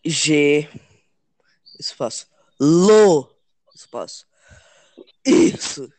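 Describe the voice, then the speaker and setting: A man co-hosting a casual podcast, heard over glitchy audio whose pitch and level jump around as he slowly spells out letters one by one. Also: lively intonation, darkish tone, no room sound. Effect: glitchy audio with jumping pitch and level. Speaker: podcast co-host. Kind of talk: casual chat, spelling out text.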